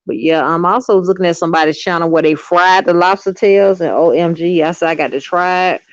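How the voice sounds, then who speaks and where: A woman hosting a casual livestream, chatting directly to her viewers and often letting her sentences trail off softly. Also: lowish voice, steady tone, brisk, no echo, highs cut off. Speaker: livestream host.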